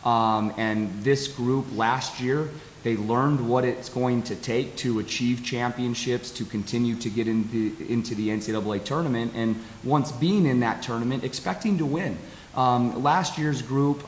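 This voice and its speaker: A middle-aged American man speaks as a coach in a post-game interview, halting and repeating words as he reasons. His voice sits at an average pitch in an echoey hall, with some hiss behind it. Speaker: college soccer head coach. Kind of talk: post-game interview answers at a press table. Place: press conference table with backdrop. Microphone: table stand microphone.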